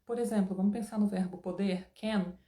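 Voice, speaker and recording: Brazilian woman, online English teacher, mid-pitched and mellow, patient explainer with opinionated asides, roomy sound. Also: fairly even intonation, brisk. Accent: Brazilian Portuguese. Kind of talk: online language lesson.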